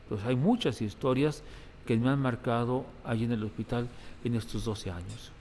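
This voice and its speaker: Recorded in a reverberant room with faint background noise, a man gives interview testimony as a Mexican priest and hospital chaplain. His mid-range voice has a darkish tone and moderate pace, and his reflective storytelling often circles back on repeated words as he thinks.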